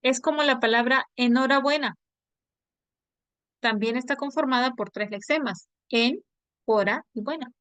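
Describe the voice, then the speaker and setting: A woman lectures on word formation, her voice sitting a little high. She explains patiently and keeps tossing in quick tag questions to check that students follow. The sound is dry and close, with no room around it. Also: a bit bright, clear, resonant tone, dry recording. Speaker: language teacher. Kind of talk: online class lecture.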